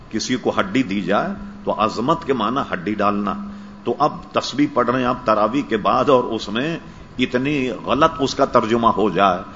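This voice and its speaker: A man's voice: medium pitch, sharp tone. A male religious scholar patiently explains in a question-and-answer session. He stops to check that his listeners understand and carefully corrects pronunciation. It is a dull, lo-fi archive recording with a faint hiss behind him.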